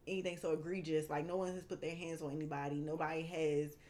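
A woman co-hosting a podcast, talking in a measured, earnest way among friends. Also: deep voice, level tone, darkish tone. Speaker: podcast co-host. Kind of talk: casual chat among friends.

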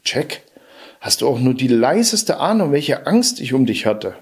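A man's voice: medium pitch, very animated, unhurried, breathy edge, full character voice. A man reading as a worried, scolding widow. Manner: scolding with worry. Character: poor widowed mother, anxious and loving. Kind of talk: storybook reading.

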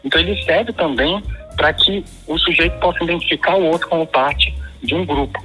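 Bright-voiced man from Pará explaining. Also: fairly high pitch, fairly quick, faint music behind, rough recording. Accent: Paraense Brazilian Portuguese. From Pará, Brazil. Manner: didactic, explains at length. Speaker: guest discussing slang. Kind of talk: explanatory casual chat.

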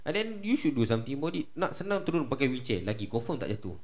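A man's voice: medium pitch, sing-song, rapid-fire, darkish tone. A man with a Singaporean accent chats casually and gives opinions, mixing Malay slang with colloquial English full of lah particles. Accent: Singaporean Malay-English (Singlish).

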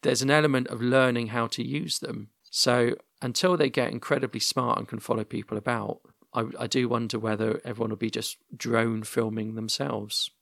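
A man's voice: mid-range voice, fairly even intonation, normal speed, creaky, hardly any pauses, fairly bright tone, no room sound, clean studio sound. A man hosting a casual podcast conversation, telling stories and musing reflectively, often restarting his sentences.

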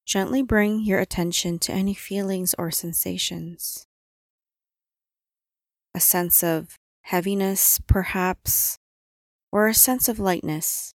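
A woman guiding a relaxing body-scan meditation in calm, soothing instructions with long pauses. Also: medium pitch, no room sound, clean studio sound. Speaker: meditation guide.

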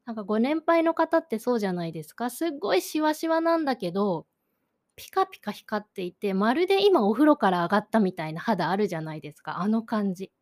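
A thoughtful woman talks alone into the mic, picking her words with care. Her voice sits at an ordinary middle pitch, and now and then it sinks to a hushed, almost whispered tone as she muses. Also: lively intonation, fast talker. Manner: thoughtful, searching for words, drifting to soft near-whispers. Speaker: podcast host. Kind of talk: reflective solo talk about an art exhibition.

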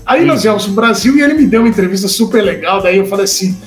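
A man's voice: high voice, fast, echoey room, faint music behind. A man, a sports reporter, casually telling an anecdote and acting out the dialogue in it. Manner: animated anecdote-telling, acts out quoted dialogue. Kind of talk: casual storytelling chat.

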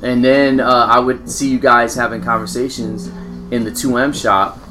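A man's voice: medium pitch, level tone, moderate pace, music in the background, low-quality recording. An American man telling stories casually among friends, peppering his slangy talk with bro, dude and man. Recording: clear background noise.

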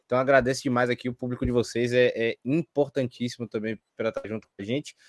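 A man's voice: mid-range voice, little pitch movement, fast talker. A man with a Brazilian Portuguese accent, a sports commentator chatting casually, jokey and laid-back with many fillers. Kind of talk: casual chat.

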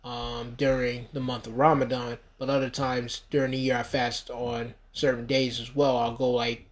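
This podcast monologue comes from an American man in his thirties speaking at normal speed in a medium pitch with little pitch movement. He rambles emphatically on his own, saying "you know" constantly.

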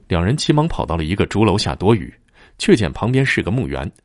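A man narrating a ghost story in a dramatic, expressive storyteller style. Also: sits low, fast talker, dry recording, studio quality.

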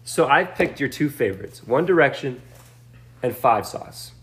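A man's voice: mid-range voice, lively intonation, a little slow. A man hosting a casual chat, reacting with short remarks and laying out questions. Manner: plays along with short reactions, lays out questions. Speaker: podcast host.

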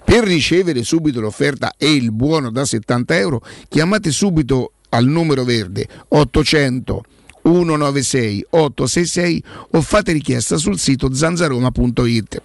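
Creaky male radio host in infomercial mode. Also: medium pitch, lively intonation, normal speed, no room sound. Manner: promotional, urging sales patter with repeated slogans. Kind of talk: infomercial-style live radio ad read.

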